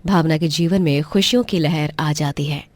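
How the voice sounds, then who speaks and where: A woman's voice: low voice, normal speed, no echo, clean studio sound. Woman narrating a cartoon story.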